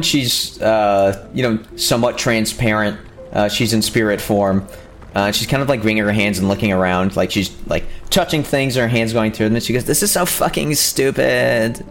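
A male game master narrates a tabletop game in a lowish voice, pausing often on fillers. Faint music plays behind him. He talks his players through the scene. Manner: hesitant, filler-heavy narration.

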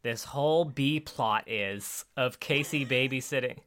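Deadpan sarcastic man riffing on a movie. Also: medium pitch, measured pace. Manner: dry sarcastic quips, deadpan jokes. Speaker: podcast co-host. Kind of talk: casual movie recap chat.

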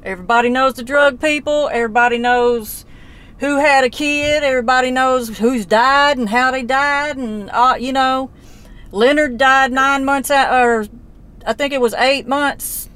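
A woman in her forties, a relative investigating a disappearance, questions a man on a casual phone call in a blunt, folksy, persistent manner. Her voice sits high, unhurried and fairly even, with a fairly bright, clean tone.

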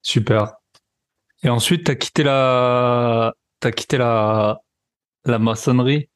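A man's voice: mid-range voice, slow pace, smooth. A man interviewing a guest, giving brief encouraging prompts and short questions in a casual tone.

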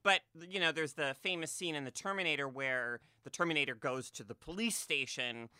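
A man's voice: on the high side, a little fast, clean tone, no echo, studio quality. A man co-hosting a podcast, talking casually about a film with lots of fillers and restarts. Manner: animated, filler-heavy, frequent restarts. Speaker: podcast co-host.

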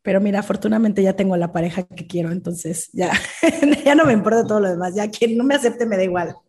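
Young Mexican woman, expressive podcast guest, husky tone. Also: mid-range voice, quick pace. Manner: expressive, animated, acts out quotes. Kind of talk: casual podcast chat.

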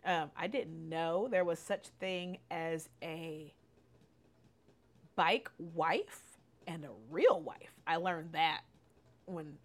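A woman's voice: deep voice, slow pace, pauses often. Candid, laughing woman podcast host. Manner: candid storytelling, laughs often, swears casually. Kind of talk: casual chat.

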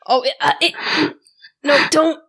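A woman's voice: high voice, steady tone, slow pace, vocal fry, fairly bright tone. A woman chatting casually as a player in a tabletop game.

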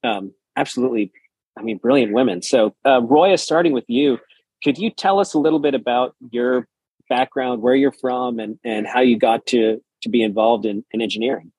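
A man's voice: medium pitch, moderate pace, a little mellow, husky, dry recording. A man hosting a podcast interview, reading a scripted intro and then chatting with his guests, often restarting his words when he talks off the cuff. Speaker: podcast host.

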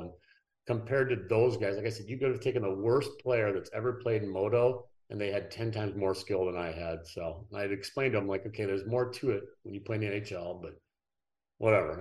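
A middle-aged man, a former pro athlete, telling relaxed, rambling anecdotes as a podcast guest. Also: lowish voice. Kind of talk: casual interview storytelling.

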